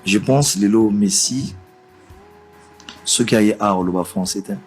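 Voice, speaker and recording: A man's voice: on the low side, a little slow, a little mellow, soft background music, poor audio. A man, insisting in a press interview, switching between French and Lingala.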